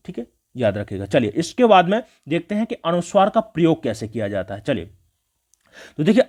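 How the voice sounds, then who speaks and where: A man teaching an exam prep grammar lesson. He keeps asking the class questions and then answers them himself, with lots of "see" and "okay". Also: on the high side.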